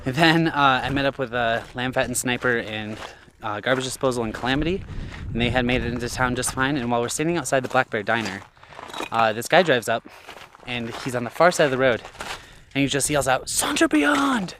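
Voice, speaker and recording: A man's voice: medium pitch, brisk, noisy background. Man vlogging while hiking a trail. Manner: rambling, chuckles often, many fillers. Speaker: thru-hiker vlogger. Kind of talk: casual vlog narration while hiking. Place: outdoors on a trail at dusk.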